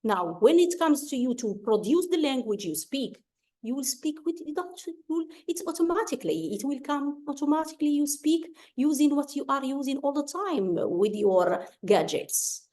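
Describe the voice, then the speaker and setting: A woman's voice: high voice, animated, moderate pace, a little mellow. A woman whose first language is Arabic, giving English-speaking tips to students over a video call, hesitant with many fillers and restarts.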